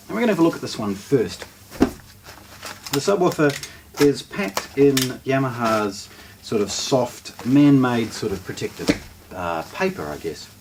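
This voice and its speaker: Handling a product as he unboxes it, a New Zealand-accented man talks through each step informally in a mid-range voice. There's background noise in the clip.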